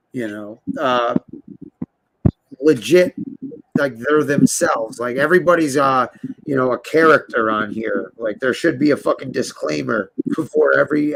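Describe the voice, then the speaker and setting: Very gravelly man, blunt sweary livestream chat. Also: mid-range voice, a bit bright. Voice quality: very gravelly, creaky. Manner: blunt, heavily profane, buddy-like talk with man and you know. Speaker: host of a livestream. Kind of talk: casual unscripted chat. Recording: dull lo-fi stream audio, clear background noise.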